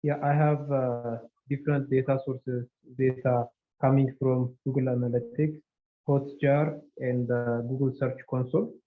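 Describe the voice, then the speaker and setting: A man's voice: medium pitch, level tone. Man with a hesitant, tinny call voice. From Ethiopia. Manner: hesitant, halting questions. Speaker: student asking a question. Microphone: poor computer mic on a video call. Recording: distorted, tinny call audio.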